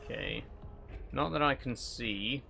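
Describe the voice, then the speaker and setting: A man's voice: mid-range voice, takes it slowly, gravelly, sharp tone, soft background music. A man giving casual live horror game commentary, thinking aloud and puzzling things out with short questions to himself.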